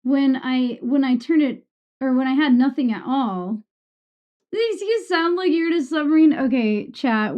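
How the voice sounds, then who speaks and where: A woman's voice: sits high, mellow. A woman chatting casually on a livestream in a sweary, self-deprecating way, with harsh, sibilant S sounds. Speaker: streamer. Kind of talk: casual livestream chat with viewers. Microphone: streaming microphone with EQ and compressor. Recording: muffled, dull microphone sound.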